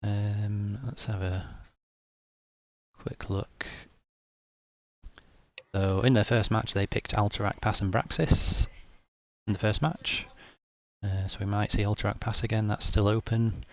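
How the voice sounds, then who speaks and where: A man casting an esports match, steady and informative with hesitant fillers. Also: lowish voice, unhurried, pauses often, no echo. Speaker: esports caster. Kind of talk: casual esports commentary.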